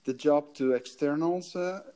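A man's voice: on the high side, a little slow, warm tone, clear, resonant tone. A man who grew up in Italy co-hosting a podcast, speaking hesitantly and often restarting while he searches for words. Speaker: podcast co-host. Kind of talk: casual podcast chat.

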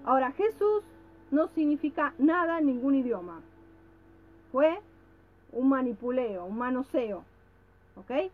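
Woman religious teacher, high voice, unhurried delivery, tinny phone-line sound, faint music behind. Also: animated. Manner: slow and deliberate, frequently checks in with listeners.

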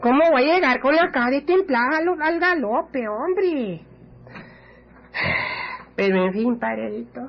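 A brash, cursing middle-aged village man, played by a man in a radio comedy. The voice is husky and leaps wildly up and down in pitch. It comes through a dull, lo-fi radio recording. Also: unhurried, long pauses, heavily acted. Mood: blustering. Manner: excitable, curses constantly, stammers when upset.

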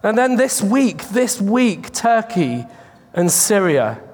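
Give me an earnest pastor speaking at a pulpit microphone in a church, with a long hall reverb. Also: male voice, sits high, very animated, slow, a little mellow. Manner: earnest, chatty, with frequent restarts. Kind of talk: conversational sermon. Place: church sanctuary.

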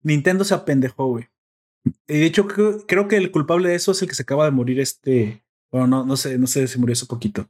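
A man's voice: medium pitch, fast talker, darkish tone. A young man with a Mexican Spanish accent, chatting casually and joking, dropping slang in nearly every sentence. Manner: slangy, joking, says güey constantly. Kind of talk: casual chat.

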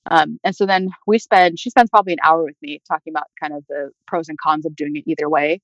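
A young woman telling her own story in a halting, conversational way, with nervous laughs and a voice that rises toward tears. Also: deep voice, steady tone, dry recording. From California. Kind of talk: personal storytelling. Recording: dry, slightly muffled audio.

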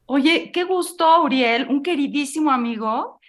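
A woman's voice: high-pitched, a little slow. A woman with a Mexican accent presenting a show and interviewing in a conversational style. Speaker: program host, interviewer.

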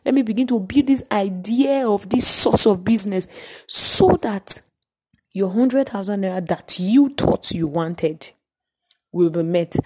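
A woman voicing God in a sermon, speaking softly and coaxingly, often dropping to a whisper. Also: medium pitch, unhurried, husky. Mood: gentle coaxing. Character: God, a gentle patient male voice.

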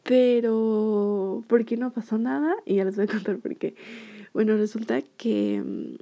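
Young woman rambling through a story for her viewers, lots of fillers, kinda high voice with vocal fry. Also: animated, unhurried, mellow. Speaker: vlogger.

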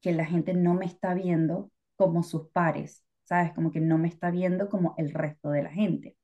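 A woman's voice: lowish voice, steady tone, normal speed, dark tone, muffled recording. A Venezuelan woman co-hosting a podcast, talking in a chatty, reflective way with lots of fillers. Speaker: podcast co-host. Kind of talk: casual podcast chat.

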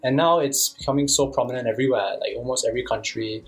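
A man's voice: mid-range voice, fast. Casual man chatting with youthful slang. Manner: youthful slang, frequent 'like'. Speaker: podcast participant. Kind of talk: casual chat.

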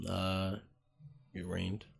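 A man's voice: low-pitched, monotone, extremely slow, gravelly, breathy edge. A man in his twenties co-hosting a podcast, telling stories in a loose, rambling way and swearing casually. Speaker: podcast co-host.

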